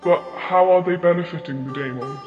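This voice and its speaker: A man's voice: high-pitched, brisk, close to an everyday voice. A man voicing a defiant female demon who keeps pressing her lord for answers. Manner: insistent, challenging. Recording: echoey, reverberant lo-fi with music.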